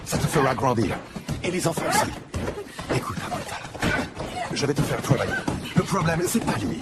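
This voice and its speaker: A man's voice: on the high side, very animated, moderate pace. An actor playing a harsh male commune guru who taunts and commands, in a dubbed film. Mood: calm, commanding. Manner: commanding, taunting, escalating to shouts. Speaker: cult leader running a group therapy session. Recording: film soundtrack with loud music and crowd.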